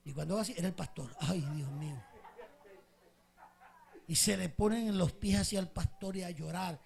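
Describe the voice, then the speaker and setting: A man's voice: sits high, fast talker, creaky, darkish tone. A male pastor preaching a sermon with passion, telling stories to his congregation. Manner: impassioned storytelling preacher.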